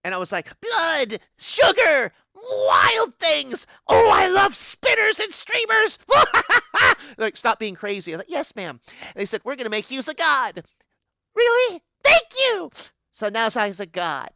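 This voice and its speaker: A tabletop game player voicing a gleeful, unhinged ancient pixie who became a god, cackling and swinging wildly between highs and lows. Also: expressive, brisk, bright, forceful tone, no room sound, clean studio sound. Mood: manic glee.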